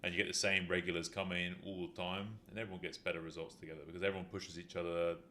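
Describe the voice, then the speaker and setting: Man, deep voice, forceful tone, chatty, rambling fitness host. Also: flat delivery, fast, slight background noise. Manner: rambling, explanatory, many "you know" fillers. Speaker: fitness talk show host, injury rehab specialist. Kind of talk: casual chat.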